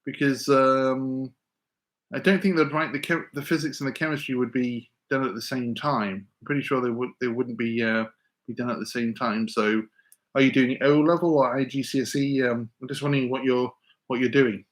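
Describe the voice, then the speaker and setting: A man's voice: medium pitch, steady tone, normal speed. Rambling, stammering man answering live questions. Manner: rambling, stammering restarts, reads chat aloud. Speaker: physics teacher hosting a live Q&A. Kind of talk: casual live-stream Q&A.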